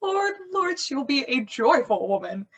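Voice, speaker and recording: A woman acting an old, chatty nurse in an amateur Shakespeare reading, with a husky, exclaiming manner. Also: high voice, sing-song, normal speed. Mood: fussing. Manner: exclaiming, fussing. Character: fussy old female nurse, chatty servant.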